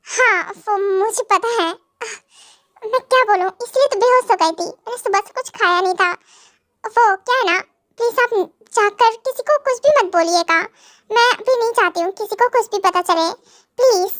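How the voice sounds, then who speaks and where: A woman's voice: extremely high pitch, normal speed, fairly bright tone, no echo, clean studio sound. A woman voicing a sulky, coaxing young wife in a fan-made audio drama. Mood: pleading. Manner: pouting, coaxing.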